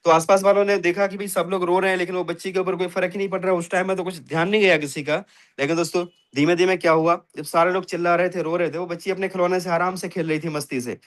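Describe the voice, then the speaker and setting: A man's voice: sits high, fairly even intonation, fast. A man hosting a network marketing session on a video call, preaching and emphatic, often calling his listeners friends. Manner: preachy and emphatic, repeats "dosto". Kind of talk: motivational pitch on a video call.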